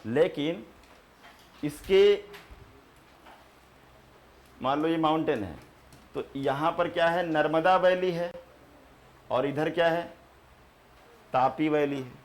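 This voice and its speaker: A man teaching a geography class, repeating terms slowly for notes and answering his own questions. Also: fairly high pitch. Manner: repeats key terms slowly for students to write.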